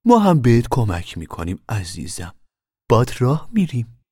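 A man voicing a bossy, excitable middle-aged farm wife who acts as a midwife, speaking loudly, commanding and coaxing. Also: mid-range voice, husky, no room sound, clean studio sound, voice pushed up.

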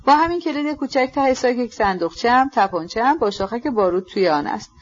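A woman's voice: a little high, dull audio. A woman voicing a feverish, desperate young man. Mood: agitated. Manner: urgent, excited, pleading.

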